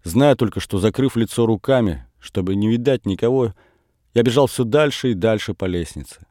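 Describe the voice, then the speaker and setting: A man narrating a literary audiobook in a measured, earnest way. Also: fairly low pitch, dark tone, no room sound, clean studio sound.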